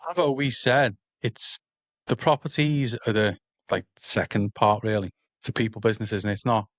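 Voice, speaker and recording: Male podcast host: low voice, chatty, keeps checking in with his guest, dry close sound. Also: steady tone, normal speed, fairly bright tone, no room sound. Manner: conversational, often checks in with listeners. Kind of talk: podcast interview conversation.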